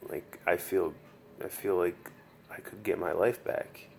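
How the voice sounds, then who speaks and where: Man, post-surgery patient doing a casual video diary. Weary, earnest, very slow delivery with fry, faint background noise. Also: low voice, steady tone, low-quality recording. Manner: earnest, halting, repeats himself. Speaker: patient sharing his recovery story. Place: hospital room. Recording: noticeable background room noise.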